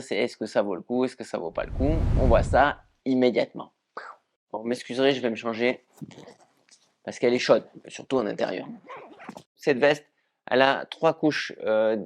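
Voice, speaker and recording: A man, chatty and full of filler sounds, casually reviewing running gear just after a wet run. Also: medium pitch.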